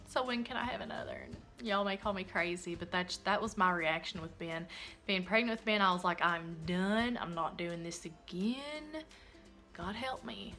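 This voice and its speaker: Bright-voiced young mom vlogging. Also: female voice, mid-range voice. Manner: earnest, heartfelt, chatty. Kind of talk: casual Q&A vlog talk.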